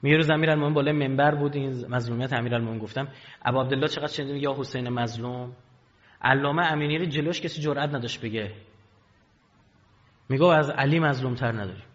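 A man preaching a sermon from the pulpit, telling stories with dramatic swings in loudness and pitch. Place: hall with pulpit. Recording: dull lo-fi sound, long hall reverb.

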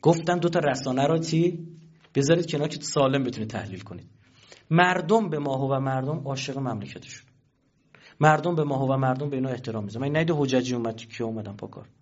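A man's voice: mid-range voice, a little mellow, highs cut off. A man giving a colloquial political talk to an audience, emphatic and full of rhetorical questions. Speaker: speaker addressing an audience.

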